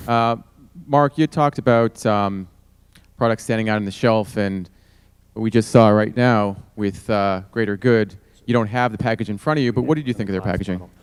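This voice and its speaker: Low-voiced man hosting a panel, clear, dry. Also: moderate pace, no echo. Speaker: host moderating a judging panel. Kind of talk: panel moderation at a live event.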